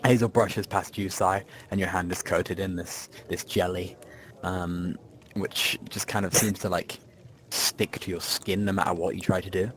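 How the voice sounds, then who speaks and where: A man's voice: low voice, steady tone, moderate pace. A man narrating a tabletop game as game master, rambling with many ums and restarts.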